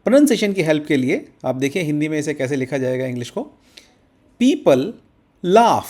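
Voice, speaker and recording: A man teaching English to Hindi speakers in an Indian accent, saying each example sentence slowly and word by word. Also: fairly high pitch, very animated, darkish tone. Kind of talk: slow explanatory language lesson.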